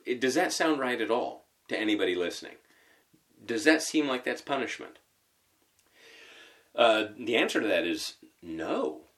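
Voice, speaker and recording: A man's voice: medium pitch, very animated, moderate pace, long pauses, a bit bright. A man giving a conversational sermon, posing rhetorical questions and thinking aloud with fillers as he teaches. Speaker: preacher.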